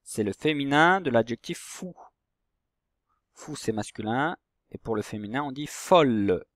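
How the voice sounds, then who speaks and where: Man, primary teacher, slow patient delivery, drawn-out syllables, dry close sound. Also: mid-range voice, lively intonation, no room sound. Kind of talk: recorded reading lesson for young children.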